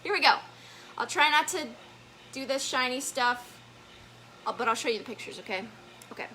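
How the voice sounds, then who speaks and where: A woman's voice: high-pitched, moderate pace, pushed and bright, slight background noise, poor audio. A woman leading a children's story time, upbeat and playful, guiding wiggles and breathing and laughing often. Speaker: story time family educator.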